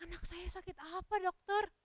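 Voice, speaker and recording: Brief: woman playing a sobbing, desperate mother, very high-pitched, recorded dry and close. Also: fairly even intonation, moderate pace, no echo. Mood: worried. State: crying. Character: frantic tearful mother of a sick child. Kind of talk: storytelling for children.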